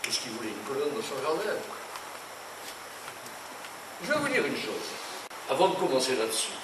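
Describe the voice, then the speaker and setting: Speaking at a moderate pace in a medium-pitched voice, this older man, a painter from France, gives a conference-hall audience a meandering talk full of indignation, anecdotes and side remarks. His storytelling is lively and wanders off track. A far-off microphone picks up noise and room echo.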